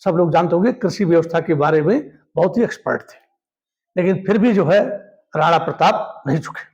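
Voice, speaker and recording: A man with a high voice tells a history story as a lesson. He is animated and speaks to his listeners as friends. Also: fairly quick, lo-fi sound.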